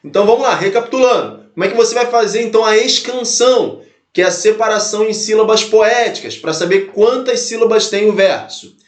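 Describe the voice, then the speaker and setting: Speaking fairly quickly in a high voice, a Portuguese teacher runs an exam-prep class in an echoey room. He walks through the material step by step, going over his points again and making sure the students are following.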